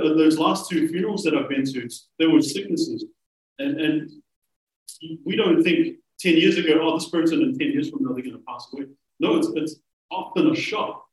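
A man preaching a sermon, earnest and emphatic, slowing down to stress key phrases. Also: a little high. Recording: roomy, from a distance.

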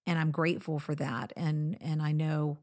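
This is a middle-aged woman with a notably deep voice for a woman. She co-hosts in a casual, reflective style, often slipping in little conversational asides. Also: flat delivery, moderate pace, darkish tone. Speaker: co-host of a marriage show.

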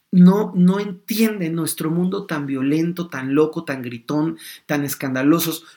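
A man hosting a podcast, explaining a topic in an animated way and acting out small dialogues. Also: fairly high pitch. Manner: animated, acts out little dialogues. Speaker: podcast host.

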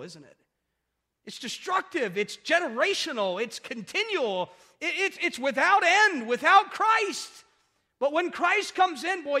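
A man's voice: extremely high pitch, sharp tone, big-room sound. A male pastor preaching a sermon emphatically, firing off rhetorical questions and repeating his points.

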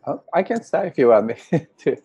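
A man's voice: on the high side, big pitch swings, fairly quick, warm tone, dull audio. Man, hesitant. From Honduras. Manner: hesitant, many fillers and throat clearing. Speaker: panel guest. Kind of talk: casual interview storytelling.

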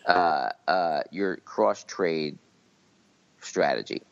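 A tired man co-hosting a podcast, rambling and halting through a casual late-night chat. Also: low voice, creaky, no room sound. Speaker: podcast co-host. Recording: dull dry audio.

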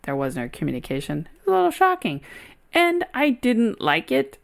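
A woman's voice: low-pitched, huge pitch swings, normal speed, vocal fry. A woman co-hosting a podcast, talking candidly in a casual chat and laughing easily. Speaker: podcast co-host.

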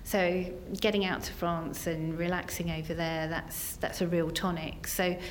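A woman's voice: lowish voice, little pitch movement, a little slow, slight background noise, poor audio. A woman giving earnest, conversational interview answers, peppered with "you know" and "kind of". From Essex, England. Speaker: interview guest, senior business executive.

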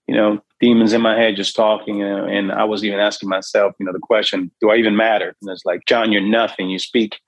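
Husky low-voiced man telling his story. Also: no echo, lo-fi sound. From New York. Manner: earnest, acts out his own inner voice. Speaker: guest, real estate investor. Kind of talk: emotional storytelling.

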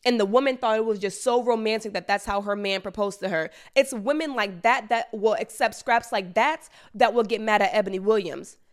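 A woman's voice: mid-range voice, brisk, few pauses. A woman giving an opinionated monologue, emphatic and repeating lines for emphasis, in casual slang, speaking with a retainer in. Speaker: commentator.

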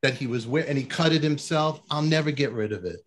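A man, a musician, chatting earnestly about a late bandmate, halting and restarting his sentences. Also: mid-range voice, a little hiss or hum. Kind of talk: casual chat.

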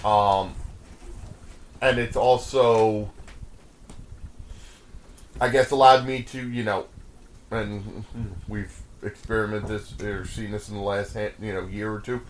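A man talking as a guest on his wife's podcast, thoughtful and halting, with many restarts. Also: lowish voice, flat delivery. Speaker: guest, host's husband. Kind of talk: casual chat.

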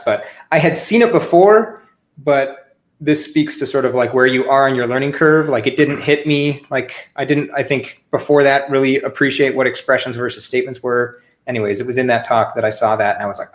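A man with a mid-pitched voice hosts a podcast in a conversational way. His audio is strongly echoey, like a big hall, from a bare apartment room. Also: brisk. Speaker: podcast host. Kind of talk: podcast introduction and casual interview.

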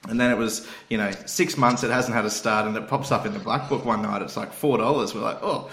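A man's voice: on the low side, steady tone, fast talker, fairly bright tone. An Australian man on a racing podcast panel, chatting and telling anecdotes in a blokey, slangy way. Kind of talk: casual chat and anecdotes. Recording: roomy, echoing sound.

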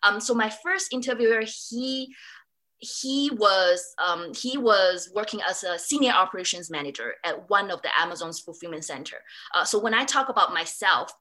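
A woman's voice: medium pitch, lively intonation, normal speed, sharp tone. A woman from Singapore speaking in a casual interview, chatty with many fillers and restarts. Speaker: interviewee, former student.

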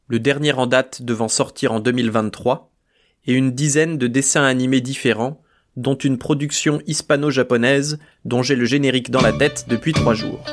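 Wry man hosting a literature podcast. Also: mid-range voice. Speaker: podcast host. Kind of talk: scripted literary narration and reading aloud.

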